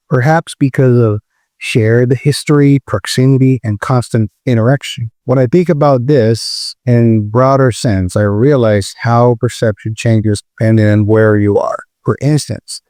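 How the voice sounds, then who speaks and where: A man from the Republic, hosting his own channel and explaining in a measured way with frequent pauses. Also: medium pitch, warm tone, no room sound, clean studio sound. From Dominican Republic. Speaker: video host. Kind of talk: explanatory commentary.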